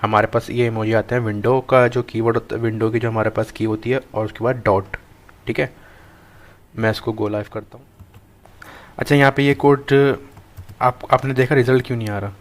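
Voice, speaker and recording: A young man teaching a coding class, thinking aloud as he types, with frequent pauses and restarts. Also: mid-range voice, flat delivery. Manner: thinks aloud while typing, halting with many restarts. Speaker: programming tutor. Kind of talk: screen-recorded coding lesson.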